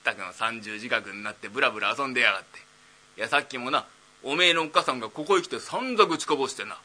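A man voicing a blunt, gruff middle-aged uncle, in rakugo storytelling. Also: medium pitch, expressive, fast talker, sharp tone. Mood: scolding. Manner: blunt scolding.

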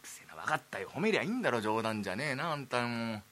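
A man playing a rough-talking Edo townsman who grumbles and teases at a banquet. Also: medium pitch, big pitch swings, very fast, a bit bright, voice pushed down. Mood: grumbling. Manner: blunt, teasing, grumbling.

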